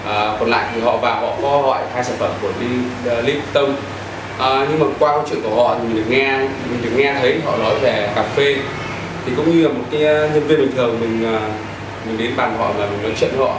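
A man's voice: mid-range voice, fairly even intonation, a little fast. A man in his thirties, a cafe owner, answering interview questions earnestly with many hesitant fillers, inside a small cafe. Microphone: far camera. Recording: echoey room, from far off, noisy.

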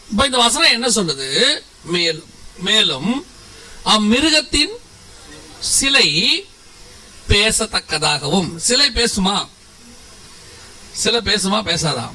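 High bright voice, guy preaching, keeps asking the crowd questions and answering himself, mic kinda far off. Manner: asks the audience questions and answers them himself, with humor. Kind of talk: sermon.

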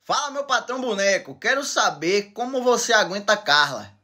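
Brief: male comedy host, very animated pitch, playful mock-guru teasing of his wife. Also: normal speed. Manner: teasing mock-wise answers to viewer questions. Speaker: comedy couple channel host. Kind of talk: joking couple Q&A.

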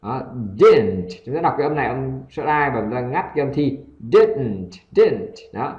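A man's voice: medium pitch, lively intonation, brisk, roomy sound, lo-fi sound. Vietnamese man teaching English pronunciation. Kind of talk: pronunciation lesson reading a story aloud.

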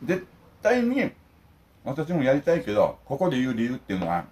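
Indignant older man, lively pitch. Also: moderate pace. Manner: indignant, emphatic, lecturing the viewers. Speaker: vlogger. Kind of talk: ranting while eating lunch.

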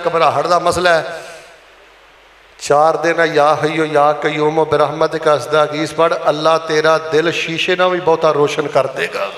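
A man's voice: fairly high pitch, a bit bright, a little hiss or hum. A man with a Punjabi accent delivering an impassioned Friday sermon in a mosque, calling on the congregation to answer aloud. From Pakistan. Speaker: Friday preacher. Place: large mosque hall. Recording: echoey mosque hall, long reverb.

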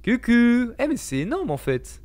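Young man, panicky horror gamer; high voice, big swings in pitch, jumpy and foul-mouthed, close mic. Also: very animated, unhurried, darkish tone. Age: young adult. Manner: panicky, jumpy, swearing, bursts into yelps. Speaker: gamer commentating a horror game. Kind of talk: excited gameplay commentary. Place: small home gaming room, indoors. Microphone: close desk microphone, headset on.

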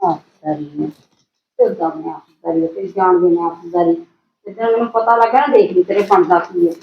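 A woman's voice: a little high, fast, vocal fry, roomy sound, dull audio, slight background noise. A middle-aged woman playing a headman's wife in a short film, taunting and scolding her husband. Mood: muttering. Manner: sharp-tongued, taunting. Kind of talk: amateur short film acting.

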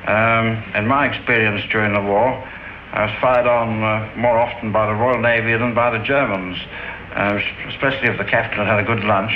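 A middle-aged man and former wartime pilot recalling a mission in an old interview, dry and understated, pausing with ums. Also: fairly low pitch, fairly even intonation. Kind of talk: archival interview recollection. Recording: tinny, roomy old interview with faint hiss.

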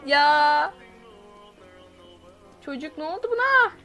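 A woman livestreams a game, chatting with viewers, reading their messages aloud and shrieking whenever she's chased. Her voice sits high and a bit bright at a normal speed, with soft music playing in the background.

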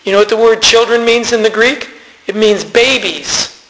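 Man, preacher, conversational sermon, bright ringing tone, reverberant church hall. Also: high voice, moderate pace. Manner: conversational preaching with call-outs to the congregation. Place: church sanctuary.

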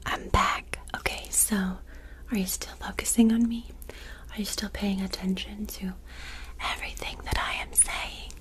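A young adult woman in a whispered role-play as a reiki healer, speaking breathily and close to the microphone in fast, insistent ASMR with commanding, rapidly repeated words. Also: mid-range voice, fairly even intonation, fairly bright tone. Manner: commanding, directing the listener to focus. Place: small dark room indoors. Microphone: close desk microphone.

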